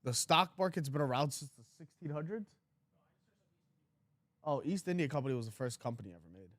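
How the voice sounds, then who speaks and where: A man's voice: on the high side, animated, fairly quick, fairly bright tone, no echo. A man in his twenties hosting a trading livestream, talking casually and bluntly, teasing his chat and reading comments aloud. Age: 20s.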